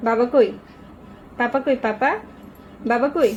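Young woman doing baby talk at home, slow sing-songy cooing, phone mic close. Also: a little high, a little mellow, lo-fi sound, a little hiss or hum. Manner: cooing, sing-song, playful scolding. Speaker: aunt playing with a baby niece.

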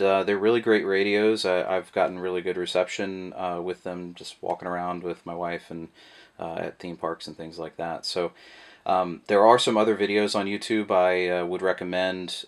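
A man whose voice sits low speaks at a normal speed, rambling through a laid-back product how-to with plenty of fillers. The product reviewer is captured by the camera mic at a table indoors.

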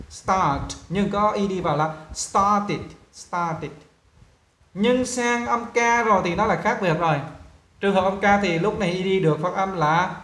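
A male English teacher with a Vietnamese accent, walking students through pronunciation and repeating model words slowly while checking whether they follow. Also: high voice, fairly bright tone, echoey room. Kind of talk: pronunciation lesson.

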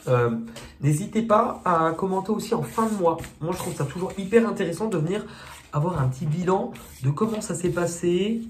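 A man's voice: sits high, darkish tone. Guy doing a casual tarot reading, chatty, lots of ums, jokes at himself, echoey room, bit of background noise. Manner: chatty, hesitant, self-mocking. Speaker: tarot card reader.

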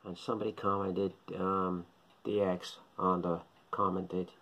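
A middle-aged man who vlogs about shortwave radio speaks casually to camera from a small living room, captured at close range by a phone or webcam. His voice is deep with little pitch movement, fairly bright, and measured in pace, while he rambles, thinks aloud, and repeats himself.

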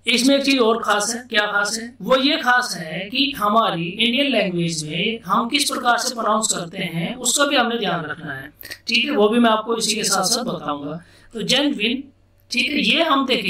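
A man with an Indian accent teaching English vocabulary in a casual classroom style, repeating words slowly and asking himself questions as he explains. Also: sits high, bright, forceful tone. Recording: echoey room, distant mic.

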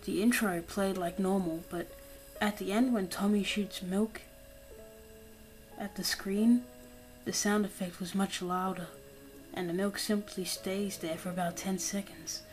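A woman narrating a creepypasta horror story in a steady reading voice, going quiet and slow for the grim parts. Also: medium pitch, poor audio. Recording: narration over loud background music.

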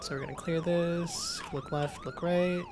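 A man narrates his police role-play game casually, dropping into police radio call-ins. His pitch swings widely, and sirens and clear noise sit behind his voice. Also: huge pitch swings, measured pace. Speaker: game streamer playing a police officer. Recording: noisy gameplay audio with sirens behind.

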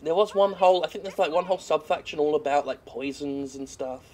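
Sweary British male gamer, higher-pitched voice. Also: level tone, fairly quick, darkish tone. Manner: sweary, rambling, self-deprecating. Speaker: gamer commentating over gameplay. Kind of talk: casual gameplay commentary. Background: faint video game action sounds.

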